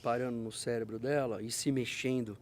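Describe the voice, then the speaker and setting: In a conversational interview, a fire brigade major with a mid-range voice talks a little fast, bringing his emergency stories to life by acting out the lines.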